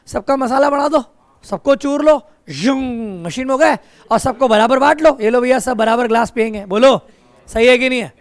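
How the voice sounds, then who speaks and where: A man's voice: extremely high pitch, moderate pace, no room sound. A male teacher teaching a classroom, mixing explanations with teasing and scolding of students. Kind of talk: classroom lecture with banter. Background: students' chatter.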